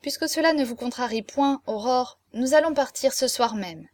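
A grave, fatherly middle-aged swordsman speaks low and earnestly in a storybook reading, as a woman narrator voices him. The tone is restrained, with feeling held back, and the voice sits a touch higher than a typical man's. The recording is dry and close. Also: moderate pace, darkish tone, no room sound, close to an everyday voice.

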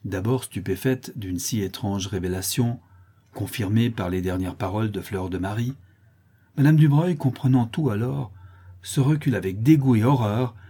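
A man reading a novel aloud as narrator, in a measured, dramatic way. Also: lowish voice, dark tone, breathy edge. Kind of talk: storybook reading.

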